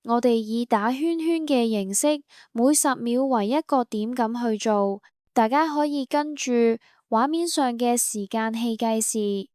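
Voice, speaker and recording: A woman reading a scripted instructional voice-over for a beauty salon, in an even, promotional step-by-step manner. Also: fairly high pitch, a little slow, clear, resonant tone, no room sound, studio quality.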